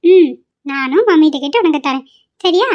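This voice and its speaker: A woman voicing a kind young widowed mother in an amateur cartoon, soft and affectionate. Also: high voice, lively intonation, normal speed. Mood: tender. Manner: soft, affectionate with the child, tearful about her loss. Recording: lo-fi home recording.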